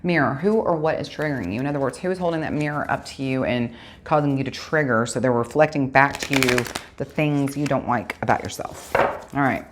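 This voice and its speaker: A woman's voice: extremely low pitch, fairly quick, background noise. A woman giving a casual tarot reading, chatting straight to her viewers and correcting herself aloud as she goes. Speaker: tarot reader.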